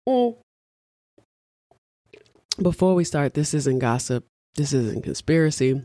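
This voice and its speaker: A woman's voice: sits low, very animated, slow, warm tone, no room sound, studio quality. An American woman in her thirties or older, hungover, giving casual solo podcast commentary in a candid, digressive, conversational way with offhand swearing. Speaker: podcast host.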